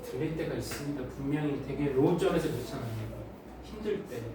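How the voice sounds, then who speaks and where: A man's voice: medium pitch, fairly quick, background noise. Guy teaching english in a big echoey room, mic kinda far, flips between english and korean, keeps asking the class questions. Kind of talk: lecture, explaining an English passage.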